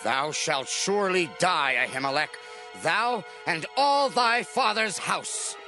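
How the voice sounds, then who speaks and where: A man's voice: high-pitched, animated, takes it slowly, music in the background, full character voice. A man playing a wrathful, paranoid king in a scripture drama, declaiming archaic lines theatrically. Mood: furious. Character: wrathful, paranoid king accusing his servants of treason.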